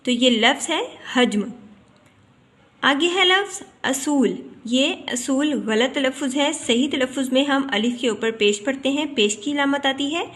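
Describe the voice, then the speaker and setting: A woman teacher gives a pronunciation lesson, slowly and carefully spelling out the vowel marks of each word. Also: high voice, a bit bright.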